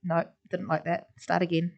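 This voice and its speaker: Chatty encouraging New art teacher. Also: female voice, lowish voice, flat delivery, normal speed, vocal fry. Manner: chatty and encouraging, sound effects while drawing. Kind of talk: live online drawing lesson. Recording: slightly dull lo-fi audio.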